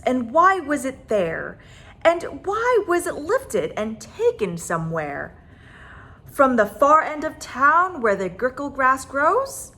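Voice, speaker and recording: With a high-pitched voice, a woman performs a children's story out loud, drawing out certain words and reading in a lively, theatrical manner.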